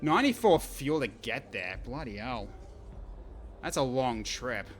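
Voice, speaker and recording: A man streaming a game, chatting and thinking aloud in casual commentary, quick to laugh. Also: mid-range voice, lively intonation, soft background music.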